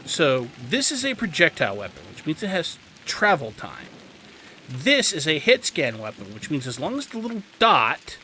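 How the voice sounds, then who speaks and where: A man whose voice is a little high, bright, and forceful delivers casual, instructional game commentary as a guide host. He comes across as explanatory and a touch wry. The video game ambience behind him is clear.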